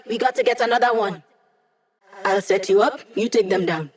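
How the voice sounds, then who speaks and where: A woman's voice: mid-range voice, moderate pace, lightly acted. A woman voicing a digitized young female hacker in a video game, a wry, upbeat ally with casual, techy chatter.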